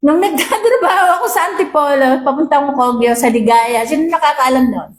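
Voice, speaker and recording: A woman's voice: high voice, a little fast, reverberant, low-quality recording. A Filipino woman pastor preaching a sermon, reading English lines and often asking her listeners questions.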